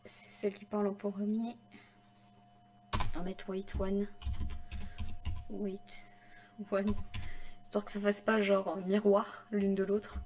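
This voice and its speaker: A woman's voice: mid-range voice, little pitch movement, moderate pace, darkish tone, a little hiss or hum. A woman talking through her modding work on a game in casual commentary, muttering to herself as she types and making chatty asides to viewers. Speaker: game modder.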